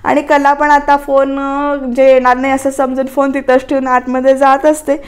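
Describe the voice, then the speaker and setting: A high-pitched woman narrates a TV serial review as a voice-over. She retells the episode in a chatty way and turns to her viewers now and then. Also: flat delivery, moderate pace. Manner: chatty, addresses viewers directly.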